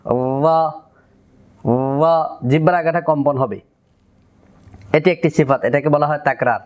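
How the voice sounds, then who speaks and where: A man with a Bangladeshi Bengali accent teaching Quran recitation, patiently explaining and slowly repeating syllables to demonstrate pronunciation. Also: fairly high pitch, dull audio.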